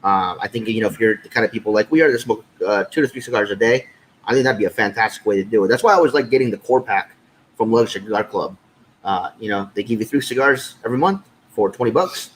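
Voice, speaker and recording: Male co-host, slightly low voice, casual podcast review chat, noticeable background noise. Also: fast, low-quality recording.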